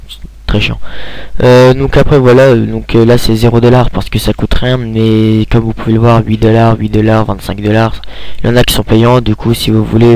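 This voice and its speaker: A man's voice: fairly low pitch, creaky, a little mellow, no echo. A young man giving a casual screen tutorial, rambling with many hesitations and restarts, talking into a computer mic at home.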